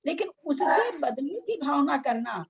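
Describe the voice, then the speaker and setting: A woman's voice: high-pitched, very animated, measured pace, creaky, muffled recording, over a noisy crowd. A middle-aged woman leading a casual spiritual discussion, frank and argumentative, full of rhetorical questions. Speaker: religious discussion leader.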